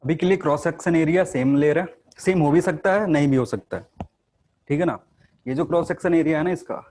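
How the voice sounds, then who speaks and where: Higher-pitched man teaching physics. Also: darkish tone. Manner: explains step by step, often asks the class and checks with "ठीक है ना". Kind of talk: classroom lecture at a board.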